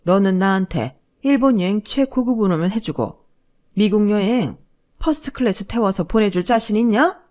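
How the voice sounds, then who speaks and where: A woman voicing a furious older mother-in-law who scolds loudly in a Korean family story. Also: medium pitch, expressive, moderate pace, voice pushed up, natural voice. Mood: indignant. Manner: loud scolding tirade.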